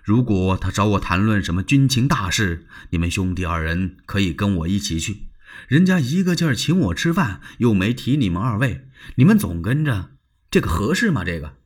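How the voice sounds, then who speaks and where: A male storyteller voicing a cautious, worried eldest sworn brother who hushes and placates his younger brothers. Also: lowish voice, big pitch swings, moderate pace, slightly rough. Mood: placating.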